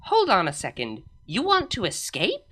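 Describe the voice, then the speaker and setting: A woman's voice: mid-range voice, wildly swooping pitch, moderate pace, pushed and bright, soft background music, full character voice. A woman voicing a blunt, proud alicorn princess with a matter-of-fact, slightly pompous delivery. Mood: indignant.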